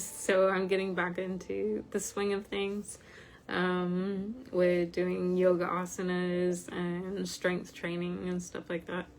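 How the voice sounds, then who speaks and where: Woman, informal online group host. Tired, slightly croaky, very slow and even, over background noise. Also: fairly low pitch. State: tired from medication. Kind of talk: informal livestream talk.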